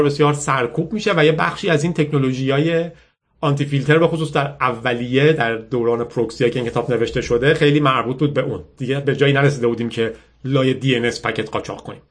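A man's voice: medium pitch, fairly even intonation. A man reading a novel aloud and breaking off for chatty, wry commentary. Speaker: book reader and podcaster. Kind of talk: audiobook reading with casual commentary.

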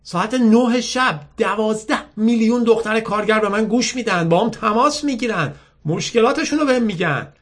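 Man putting on a high confident young woman. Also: few pauses, breathy edge. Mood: persuasive.

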